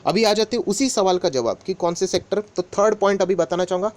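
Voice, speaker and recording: A man's voice: high voice, fast. A man explaining stock market news to his viewers in a casual, conversational way. He talks to them directly as friends and keeps repeating the same filler phrases. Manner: conversational, mixes English words into Hindi, repeats filler phrases.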